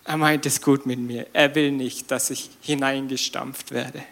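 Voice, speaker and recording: A man preaching a sermon in a lively, conversational way, with casual slang and sudden bursts of loud emphasis. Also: medium pitch, unhurried, vocal fry.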